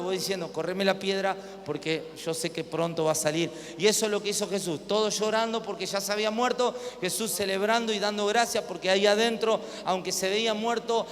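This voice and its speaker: A man's voice: sits high, fairly bright tone. A male pastor with an Argentine accent, preaching emphatically to a congregation, repeating phrases and calling for amens. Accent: Argentine Spanish. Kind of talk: live sermon. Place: church hall with congregation. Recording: hall reverb, faint room noise.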